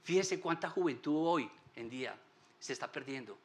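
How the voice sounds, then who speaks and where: A man's voice: medium pitch, lively intonation, normal speed. A man teaching a Sunday Bible class at church, often putting rhetorical questions to his listeners. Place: church meeting room.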